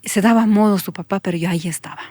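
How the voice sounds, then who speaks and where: A woman pastor, giving an earnest testimony that sinks into soft whispers when she recalls her prayers. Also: medium pitch, fast, dry recording, clean studio sound. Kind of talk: emotional testimony in conversation.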